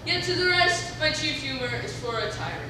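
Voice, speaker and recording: A woman's voice: high voice, expressive, a little fast. A woman playing a boastful, stagestruck male weaver in a grandiose, declamatory manner in an amateur Shakespeare comedy. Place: echoey performance space, recorded from a distance. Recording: echoey, noisy hall from far off.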